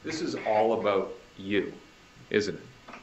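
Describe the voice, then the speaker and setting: A man's voice: on the low side, animated, slow pace, dull audio, slight background noise. Man, Boston accent, prosecutor, courtroom cross-examination, pushy leading questions. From Northeastern US. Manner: pressing, leading questions ending in "right?".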